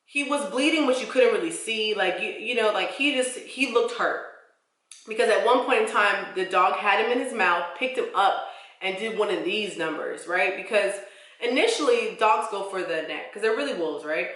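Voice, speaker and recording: A young woman with a bright, forceful voice talks straight to her viewers, telling a story from her life. Her speech is casual and slangy, full of "like"s. The recording has the bounce of an echoey room. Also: mid-range voice, moderate pace. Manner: expressive, slangy storytelling with many "like"s. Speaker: vlogger. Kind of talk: storytime vlog.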